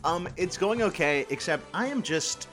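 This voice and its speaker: A man's voice: high-pitched, lively intonation, normal speed, music in the background. A man hosting a comedy podcast in a jokey, casual radio style, full of wisecracks.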